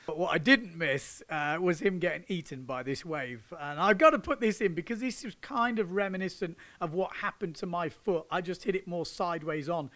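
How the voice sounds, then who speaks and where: A man with a fairly high, slightly bright voice chats casually as a windsurfing vlog host, laughing and dropping slang while commenting over surf footage. He's indoors on a sofa, speaking into a handheld microphone.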